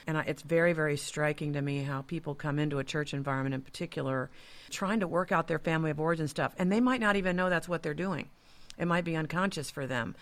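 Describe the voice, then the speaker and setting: A woman's voice: low voice, quick pace. Earnest woman hosting a podcast. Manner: reflective, earnest, frequent affirming murmurs. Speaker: podcast host. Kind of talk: conversational podcast talk.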